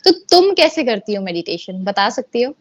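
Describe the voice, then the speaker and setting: A woman's voice: fairly high pitch, sing-song, moderate pace, no room sound. A woman hosting a casual chat, asking questions and mixing English into her talk. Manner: conversational, asks questions, mixes English into Hindi.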